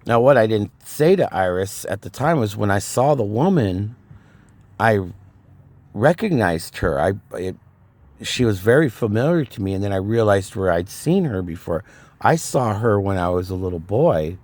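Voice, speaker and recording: A man's voice: lowish voice, sing-song, normal speed, darkish tone. A middle-aged man from California casually telling a personal ghost story, rambling with fillers and restarts. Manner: rambling, frequent fillers and restarts, laughs at himself.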